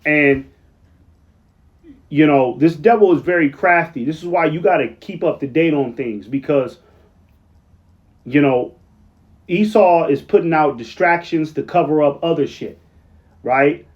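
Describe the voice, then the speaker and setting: A weary man talks through the news in a loose, rambling way, often tossing in "right?" to his listeners. His voice sits somewhat high and he slows down to read quotes aloud. The recording sounds muffled and lo-fi. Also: a little mellow. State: tired, yawning late at night. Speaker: online commentator. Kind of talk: casual commentary reading news aloud. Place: at work, late at night.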